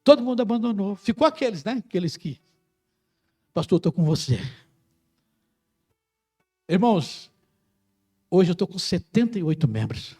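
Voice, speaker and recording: A middle-aged Brazilian pastor preaching a sermon with passion, rising to loud cries and dropping to quiet, close words. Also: male voice, high-pitched, big pitch swings, moderate pace, pauses often, breathy edge, faint music behind. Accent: Brazilian Portuguese. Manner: impassioned preaching, swings from loud to soft.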